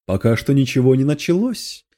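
A man reading aloud, voicing a calm male servant who speaks quietly and placates his master. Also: medium pitch, moderate pace, lightly acted. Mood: soothing.

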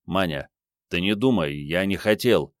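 A man's voice: low-pitched, animated, a little slow, clear, resonant tone, no room sound, clean studio sound. A man voicing a sheepish, flustered older department boss in an audiobook, meek and pleading.

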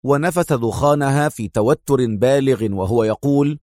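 A man narrating a crime thriller audiobook with steady, measured pacing. His mid-pitched voice is recorded dry and close, with no room sound. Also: dry recording.

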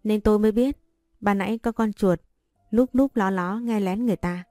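A woman's voice: mid-range voice, moderate pace, dark tone, no room sound, soft background music, lightly acted. A woman reading a cool, teasing young chairman. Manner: dry, mocking.

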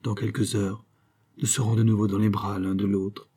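A man narrating a novel in the first person, in a measured, intimate way. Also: lowish voice, little pitch movement, mellow, husky. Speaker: audiobook narrator.

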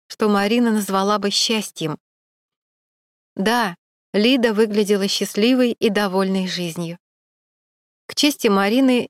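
Woman narrator, audiobook reading, measured, dry close mic, middle pitch. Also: no room sound. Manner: even, measured storytelling. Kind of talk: scripted narration.

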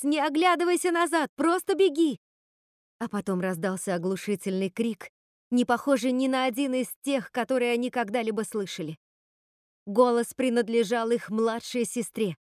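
A woman narrating a dark fairy tale audiobook in a steady, dramatic storytelling manner. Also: fairly high pitch, no echo, clean studio sound.

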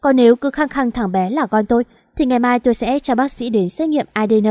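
A woman's voice: fairly high pitch, a little fast, a little mellow, no room sound, clean studio sound, lightly acted. A woman reading a bitter, wronged young husband. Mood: furious. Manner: bitter, accusing, choked with regret. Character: heartbroken vengeful young husband.

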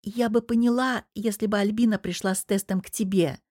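A woman's voice: mid-range voice, fairly even intonation, fairly quick, darkish tone, no echo, studio quality, close to an everyday voice. A woman reading the lines of a hurt, defiant young wife who answers sharply and mockingly.

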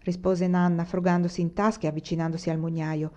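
A woman reading a classic novel aloud in a measured, even storytelling manner. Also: fairly low pitch. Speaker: audiobook reader. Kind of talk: literary audiobook narration.

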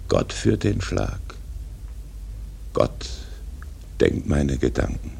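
An actor playing a brooding, tormented old sea captain in a literary radio drama, solemn and haunted, with a gravelly, husky voice. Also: male voice, rumbling low, sing-song, very slow, dark tone, slight background noise, heavily acted. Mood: anguished questioning.

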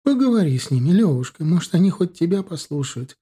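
A man's voice: a little high, sing-song, quick pace, warm tone, breathy edge, voice pushed up. A man voicing a distraught, weepy middle-aged mother who pleads in a plaintive voice. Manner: plaintive, sobbing.

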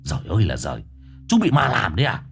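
A man voicing a flustered middle-aged office boss who stammers and speaks in a hushed, placating tone. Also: deep voice, sing-song, fast talker, gravelly, a little hiss or hum, full character voice. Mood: exasperated.

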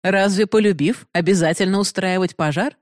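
A woman's voice: medium pitch, normal speed, no echo, clean studio sound, voice pushed up, lightly acted. A woman voicing a proud, passionate young woman who pleads bitterly for love, raised and emotional. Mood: pleading, bitter.

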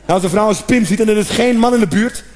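A man doing a stand-up comedy routine, animated, with sudden shouted outbursts and acted-out noises. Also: high-pitched, fast.

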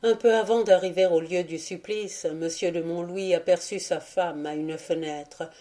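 A woman reading aloud a history book as a solemn, measured audiobook narration. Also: on the low side, fairly even intonation, warm tone. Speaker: audiobook reader.

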